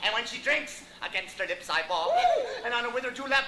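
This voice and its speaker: A man's voice: very high-pitched, expressive, brisk, sharp tone, heavily acted. A man playing a mischievous, boastful sprite in hammy Shakespearean stage style, whooping and swooping through his lines. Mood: gleeful boasting. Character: mischievous, boastful male sprite, gleeful prankster. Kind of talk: outdoor stage performance of Shakespeare. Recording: echoey, noisy outdoor theatre recording.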